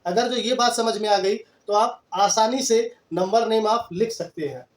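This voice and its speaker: Guy teaching maths, pretty high voice, slow patient counting, sounds far off from the mic. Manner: patient, repetitive counting aloud. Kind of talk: step-by-step maths lesson. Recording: echoey room, voice from far off.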